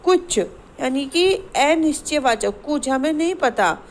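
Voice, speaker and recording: A woman teacher walks her pupils through a grammar exercise, asking questions and reading each example sentence slowly. Her voice sits high, and a faint background noise runs under the recording. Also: lively intonation, rough recording. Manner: explains patiently, asks the class questions, reads sentences slowly. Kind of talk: Hindi grammar lesson to schoolchildren.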